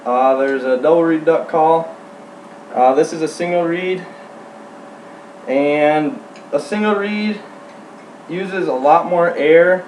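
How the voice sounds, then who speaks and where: A man giving an informal how-to demonstration as a hunting instructor, speaking in a halting, plain-spoken way. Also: on the high side, a little mellow. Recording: roomy, distant mic, faint hum.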